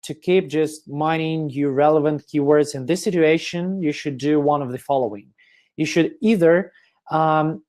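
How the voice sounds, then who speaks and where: A man with a slightly high voice gives a webinar presentation over his computer mic. He walks through each step in a methodical way, with lots of "uh" and "um", and his voice is turning hoarse. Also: a little mellow. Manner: explanatory, step-by-step, with frequent fillers and throat clearing. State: voice getting hoarse. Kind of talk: online conference presentation.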